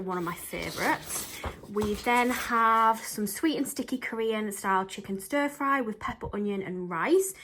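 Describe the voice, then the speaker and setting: A woman vlogger with a medium-pitched voice chats casually into her camera, rambling with plenty of ums, first outdoors on a walk and then at home. The background is noisy.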